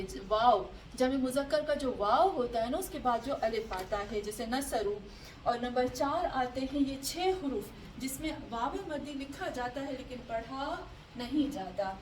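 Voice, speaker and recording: A high-pitched woman teaches tajweed at an unhurried pace, drilling each word patiently. She sounds set back from the microphone, with a faint hiss of background noise on the online class audio. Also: distant mic, rough recording. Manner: slow, patient drilling of pronunciation, repeating words. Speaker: Quran recitation teacher.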